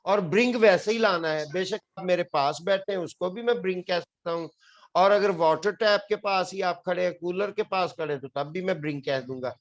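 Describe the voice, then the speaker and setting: In a classroom lecture, a man from Pakistan teaches English spelling, patiently explaining and repeating each word. He has a high voice and a moderate pace, and the audio is dull.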